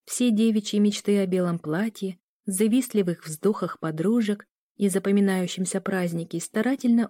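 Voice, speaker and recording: A woman narrates a novel in a mellow, warm voice with steady, even storytelling. The sound is close and dry with no room around it. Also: medium pitch, dry recording. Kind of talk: audiobook narration.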